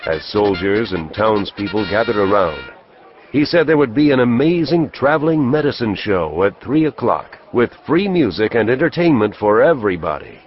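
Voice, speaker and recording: A man's voice: on the low side, big pitch swings, moderate pace, highs cut off, soft background music. A man reading scripted story narration for an audiobook.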